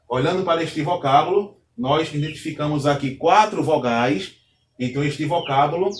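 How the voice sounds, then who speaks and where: Man, methodical lesson delivery, echoey room, faint background noise. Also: on the high side. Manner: methodical, repeats points, checks in with "ok?". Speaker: Hebrew teacher. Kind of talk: online grammar lesson. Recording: echoey room, distant from mic.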